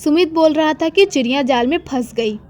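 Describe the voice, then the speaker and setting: A woman reading a moral story aloud in an even, storybook manner. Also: high-pitched, moderate pace. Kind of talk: scripted story narration.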